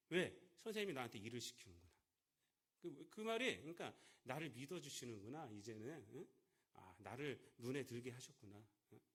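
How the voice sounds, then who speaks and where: A male pastor preaching a Sunday sermon in a church, asking his congregation rhetorical questions and swinging between loud emphatic lines and quiet asides. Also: medium pitch.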